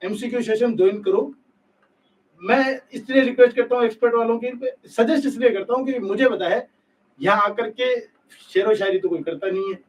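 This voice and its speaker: High-voiced blunt male coaching teacher. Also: far from the mic, rough recording. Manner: blunt, scolding, talks directly to students. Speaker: nursing exam coaching teacher. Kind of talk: live-stream lecture, candid rant. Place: live online class.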